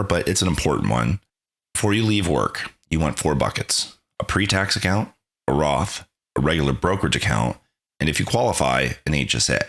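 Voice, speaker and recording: An extremely deep male voice hosts a podcast, speaking in a conversational, reflective way. He recaps the lessons from his own experience in an even, natural delivery. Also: creaky. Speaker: podcast host. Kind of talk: podcast interview and narrated recap.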